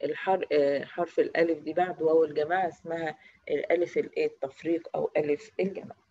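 A teacher with an Egyptian Arabic accent leads a grammar review lesson. They pose quick quiz questions, answer them, and repeat example words slowly, one by one. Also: medium pitch, steady tone, warm tone, husky. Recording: dry, slightly dull recording.

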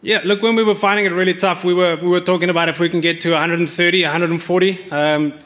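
Fast-talking man at a press conference. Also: high-pitched, fairly even intonation, fairly bright tone. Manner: measured, speaks in fillers and restarts. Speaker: cricket team coach. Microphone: table microphones.

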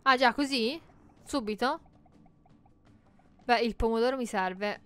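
A woman's voice: on the high side, slow, bright, forceful tone, clean tone. A woman playing a video game and commenting, chatty and jokey, shrieking in panic when things go wrong. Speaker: gaming YouTuber. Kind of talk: let's play commentary.

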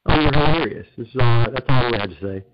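A man calling in to a talk show over the phone, sounding mocking and amused, with a booming cave-like echo on his voice. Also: quick pace, crowd noise. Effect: booming cave-like echo on a phone line. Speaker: caller. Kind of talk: call-in phone chat. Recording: muffled, overloaded phone line.

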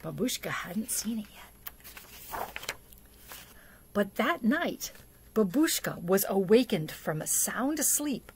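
A middle-aged woman, a storyteller for a church children's program, reads and discusses a picture book for young children in a small indoor setup before a plain backdrop. Her voice is a little high with a breathy edge. She reads deliberately and expressively, with dramatic emphasis and hushes, and asks the listener questions.

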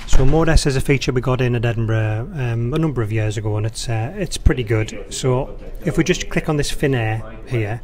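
An air traffic controller with a mid-range voice talks briskly and with few pauses, a crowd audible behind him. He gives an informal, conversational walkthrough peppered with radio phraseology while working beside a touchscreen in an indoor control room.

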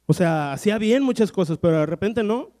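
High-voiced preacher in a reverberant hall. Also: male voice, lively intonation, brisk, dark tone. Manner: storytelling preacher acting out Bible dialogue. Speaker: pastor. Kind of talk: sermon. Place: church hall. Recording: long church hall reverb.

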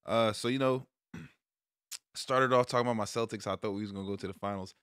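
With a lowish, steady, brisk voice that's a bit bright, clear, and resonant, an American man in his thirties chats casually about sports to camera. The streamer and sports vlog host sits in a small room at home, headset on and close to a stand mic, sounding slangy and laid-back in clean studio audio with no room sound.

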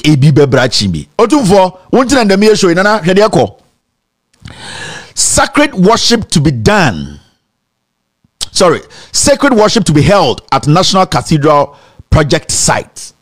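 A young Ghanaian man with a Ghanaian accent hosts a mocking commentary show on an indoor studio set, mixing English with Twi. His high voice moves at a measured pace, animated and sarcastic, breaking into laughter and sing-song mockery.

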